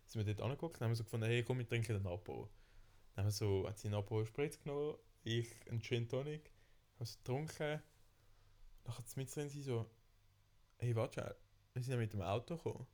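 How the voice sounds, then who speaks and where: A young man with a Swiss German accent telling a funny travel story in casual chat, lively and laughing often. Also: medium pitch, fast. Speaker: podcast co-host.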